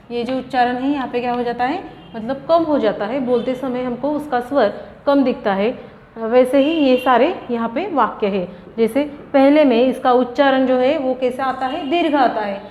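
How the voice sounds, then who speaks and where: High-voiced woman teaching in an echoey room. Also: slight background noise. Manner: explains step by step, asks and answers own questions. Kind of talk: classroom grammar lesson. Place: classroom or coaching room. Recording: echoey room, dull lo-fi sound.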